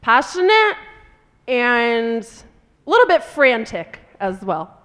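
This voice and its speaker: American woman, 30s, event guest, clean resonant tone, slightly high pitch, conversational personal storytelling. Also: sing-song, slow, fairly bright tone. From California, United States.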